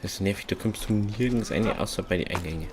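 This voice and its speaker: A man's voice: lowish voice, fast talker, noisy background. A man giving casual, slangy gameplay commentary, grumbling and swearing as he plays. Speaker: let's play gamer.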